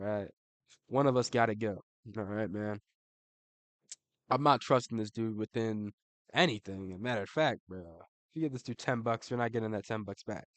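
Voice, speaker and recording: A man with a lowish voice talks at a normal pace on a dry recording. He's an online commentator ranking fighters, keeping it casual and slangy, swearing, saying "bro" constantly, and laughing between remarks.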